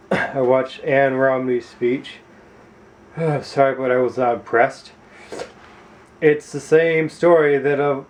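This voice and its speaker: Emphatic preachy man ranting, mellow voice. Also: mid-range voice, poor audio. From United States. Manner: preachy, emphatic, rhetorical, frequent throat-clearing. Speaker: YouTuber. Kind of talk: opinionated political vlog rant. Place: indoors at home at night.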